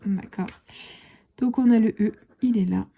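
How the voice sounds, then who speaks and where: A woman's voice: medium pitch, a little slow, vocal fry, highs cut off, slight background noise. A woman hosting a casual video, scratching lottery tickets and chatting to her viewers as friends, sometimes dropping to a half-whisper. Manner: chatty, addresses viewers as "les copains". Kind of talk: casual scratch-card commentary.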